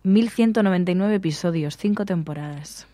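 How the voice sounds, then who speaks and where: A woman's voice: on the low side, fairly quick, dry recording. Chatty woman co-host. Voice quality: relaxed, chatty. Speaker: radio co-host. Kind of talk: casual chat.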